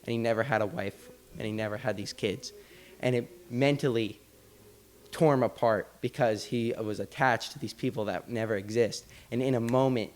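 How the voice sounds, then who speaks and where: A man's voice: mid-range voice, normal speed. A man hosting a podcast, telling a story in a loose, casual way full of "like" and restarts. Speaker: podcast host.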